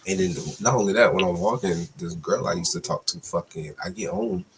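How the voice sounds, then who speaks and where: A man's voice: deep voice, brisk, noisy background. A young man casually telling a long storytime, slangy and profane, with a loose, rambling delivery.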